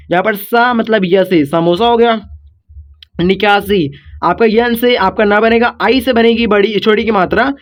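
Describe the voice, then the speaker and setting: Guy with a high voice walking kids through spelling step by step, kinda dull lo-fi sound. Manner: patient, repetitive explaining, addresses viewers as kids. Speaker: teacher. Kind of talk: classroom-style video lesson. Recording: dull lo-fi recording.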